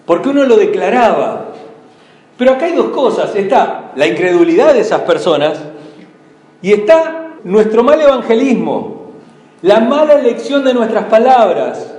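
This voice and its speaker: A man, a pastor preaching a sermon with scripture reading, earnest and reflective, often pausing to restart his phrases. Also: very high voice, a little mellow, reverberant, poor audio. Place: church.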